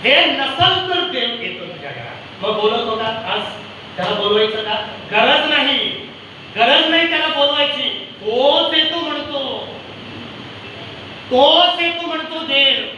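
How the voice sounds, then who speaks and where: A high, bright male voice preaches through a PA system in a church hall, with heavy echo and a distant feel. He repeats lines and throws questions at the congregation. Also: animated, unhurried, a little hiss or hum. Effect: over a PA system. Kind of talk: sermon. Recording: echoey hall PA sound from afar.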